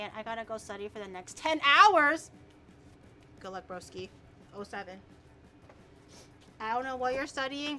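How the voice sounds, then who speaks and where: A woman's voice: fairly high pitch, bright, forceful tone, a little hiss or hum. A woman hosting a casual cooking live stream, chatting in a playful, teasing way and swearing casually.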